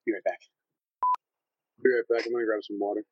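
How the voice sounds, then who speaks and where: A man's voice: lowish voice, little pitch movement, fast talker, dry recording. Man in dry, muffled casual chat.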